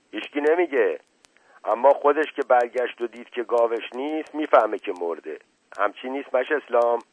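A man's voice: mid-range voice, no echo. Man reading a story over tinny radio. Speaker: narrator. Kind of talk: storybook reading with voiced dialogue. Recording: tinny phone-like radio broadcast.

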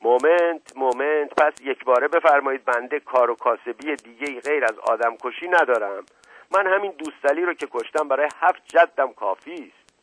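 A man voicing a playful, quick-witted aristocratic gentleman who speaks in a mock-solemn, teasing way. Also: mid-range voice, no echo, voice pushed up, lightly acted.

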